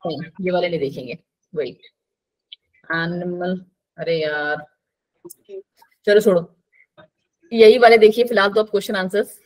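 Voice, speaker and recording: A woman's voice: medium pitch, expressive, a little fast, darkish tone. Chatty woman teaching biology. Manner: chatty, coaxing, mixes Hindi with English terms. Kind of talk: live online class.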